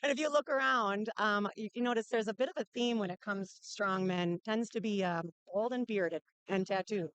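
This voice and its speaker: Woman from Minnesota, co-commentator, friendly and upbeat, smooth clear voice, dry sound. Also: mid-range voice, moderate pace, hardly any pauses, a bit bright, dry recording. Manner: friendly, upbeat, laughs often. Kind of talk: live event commentary.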